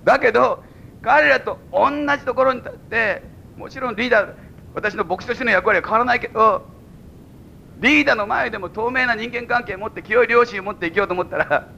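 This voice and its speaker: A man with a Mikawa Japanese accent preaching a sermon as pastor to a congregation, with sudden high exclamations and chuckles. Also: brisk, creaky, bright, forceful tone, highs cut off, slight background noise. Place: church service before a congregation.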